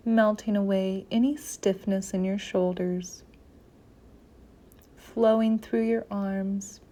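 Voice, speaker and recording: This is a medium-pitched woman guiding listeners through meditation, gentle and calming, with lines that frequently drift down to a near-whisper.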